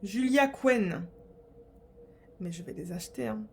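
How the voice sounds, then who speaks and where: A woman's voice: medium pitch, lively intonation, a little slow, gravelly, a little hiss or hum. A young woman vlogging in a casual, rambling way, chatting to her viewers with lots of fillers and restarts. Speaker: diamond painting vlogger. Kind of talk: casual chat to camera.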